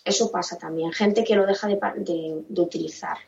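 A woman's voice: on the low side, steady tone, moderate pace, creaky. A woman from Spain, guest on a podcast, talking casually and thinking aloud with restarts. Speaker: podcast guest, parent and author. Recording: roomy, distant, dull remote line.

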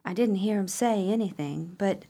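In an old-fashioned gothic radio drama, a woman plays an unmarried, gossipy sister, delivering her lines in a deliberate, formal, dramatic way. Her medium-pitched voice has a dark tone and is lightly acted, giving an ominous mood.

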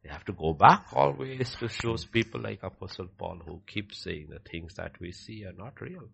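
A man's voice: low voice, creaky, breathy edge. A man with an Indian accent preaching as a pastor in an emphatic, repetitive, conversational way with rhetorical questions.

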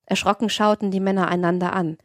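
A woman narrating an audiobook excerpt as a podcast reader, with a steady, measured delivery. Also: mid-range voice, dry recording, clean studio sound.

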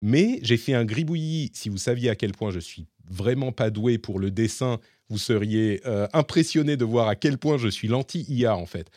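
A male podcast host talks through new tools in a relaxed, chatty way. His voice sits at an ordinary pitch. The sound is dry and close, with little room around it. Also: normal speed, few pauses, dry recording. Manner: explaining and demonstrating tools live, chatty. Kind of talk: casual tech chat.

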